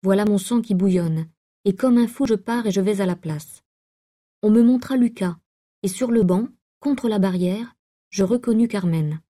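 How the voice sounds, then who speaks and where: Brief: female audiobook narrator, measured reading, very dark mellow tone. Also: mid-range voice. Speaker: audiobook reader.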